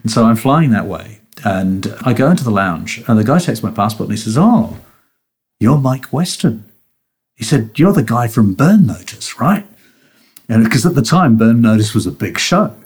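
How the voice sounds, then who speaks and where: A man's voice: mid-range voice, lively intonation, moderate pace, darkish tone. New man telling self-deprecating stories. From New Zealand. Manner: self-deprecating storyteller, frequent restarts, laughs at himself. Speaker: guest. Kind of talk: casual interview chat.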